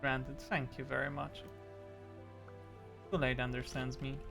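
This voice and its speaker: A man's voice: mid-range voice, level tone, measured pace, gravelly, music in the background. A non-native English-speaking man streaming a game, chatting casually and yelping when something attacks him. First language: not English. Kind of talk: casual live-stream chat while gaming.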